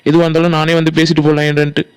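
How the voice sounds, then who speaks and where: A persuasive young villager from a family cartoon, voiced by a man, who talks very fast in a high, smooth voice. He pleads with the family and reassures them. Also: completely flat delivery, lightly acted. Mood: pleading. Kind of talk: Tamil cartoon voice acting.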